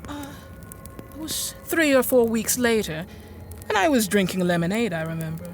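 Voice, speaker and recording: Over soft background music, an actress in an audio drama speaks in a slightly high, expressive voice at normal speed. She plays a prim, fussy, genteel woman confiding a dark tale in the first person, hesitant, rambling and overly polite.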